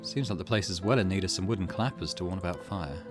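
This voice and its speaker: Low-voiced and fast, a man hosts a let's play on his gaming channel, chatting casually while he thinks aloud and reads the game text out. Game music plays in the background.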